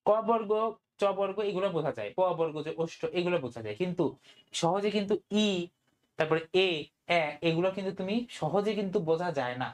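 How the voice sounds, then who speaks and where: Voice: medium pitch, expressive, quick pace. A tutor teaching an online Bangla grammar class, often asking "okay?" and mixing in English words. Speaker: admission test tutor.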